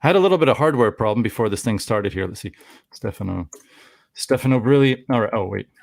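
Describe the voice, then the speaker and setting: A man's voice: fairly low pitch, animated, fast, vocal fry, no echo. A Canadian man in his forties hosting a live stream, chatting casually and rambling, often cutting himself off with jokes. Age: 40s. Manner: rambling, self-interrupting, jokey.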